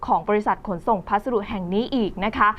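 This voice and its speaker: A woman's voice: mid-range voice, fast talker. A woman presenting the news in a conversational reading style, with frequent polite particles. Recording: slightly dull recording with faint music behind.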